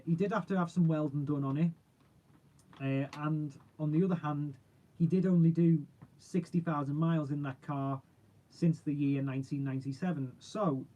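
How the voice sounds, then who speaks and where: Dull lo-fi audio, young man, mellow tone, chatty, matey, rambling livestream host. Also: a little high. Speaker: car channel host. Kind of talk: casual livestream chat, answering viewer questions.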